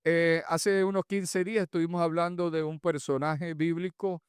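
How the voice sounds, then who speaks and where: Smooth-voiced pastor preaching a sermon. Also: male voice, fairly high pitch, flat delivery, no room sound, studio quality. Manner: emphatic, rhetorical questions, slows on key points. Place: church.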